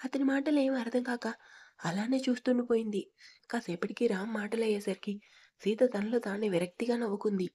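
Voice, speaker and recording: A woman narrating a romance story in a hushed, intimate way. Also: on the high side, fairly quick, slightly rough.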